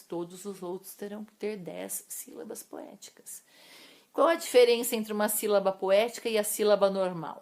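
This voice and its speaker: A young adult woman with a Brazilian Portuguese accent, a literature teacher giving a recorded lesson and explaining step by step to her students. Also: on the low side. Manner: explanatory, addresses students directly.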